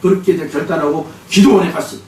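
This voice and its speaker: Male pastor, lively sermon storyteller, fairly high voice, echoey church hall, distant mic. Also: fast, noisy background. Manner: animated storytelling, acting out quotes. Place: church sanctuary.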